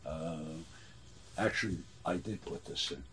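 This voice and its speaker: A man in his sixties with a husky voice, chatting casually in a gruff, wry, halting way. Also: sits low, fairly bright tone, slight background noise. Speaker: boat builder and owner being interviewed. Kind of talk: casual chat. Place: small wooden sailboat cabin.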